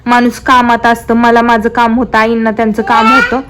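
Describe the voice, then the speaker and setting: A young woman chatting casually through a home vlog, talking softly and rambling about her day as a mother. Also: on the high side, flat delivery, moderate pace, noisy background. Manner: chatty, soft-spoken, rambling asides. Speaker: vlogger and mother.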